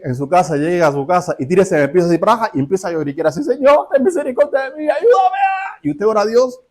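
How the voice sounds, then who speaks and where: A man's voice: sits high, darkish tone. A man preaching a sermon, asking rhetorical questions and acting out little dialogues.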